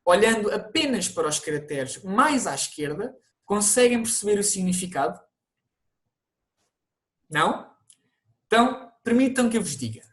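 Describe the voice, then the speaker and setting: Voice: mid-range voice, sing-song, normal speed, pauses often. A teacher with a European Portuguese accent, narrating an online language lesson and explaining things to viewers, with the odd restart.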